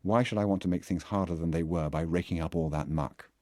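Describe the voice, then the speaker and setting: A man reading a literary novel aloud as an audiobook narrator, in a measured, deliberate way. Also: low voice, a little mellow, no echo, clean studio sound.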